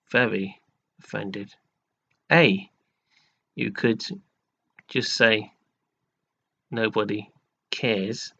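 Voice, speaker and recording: A man in an aggrieved, halting vlog rant who keeps repeating himself and restarting his sentences. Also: mid-range voice, pushed and bright, lo-fi sound. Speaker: vlogger. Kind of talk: slow, halting rant to camera.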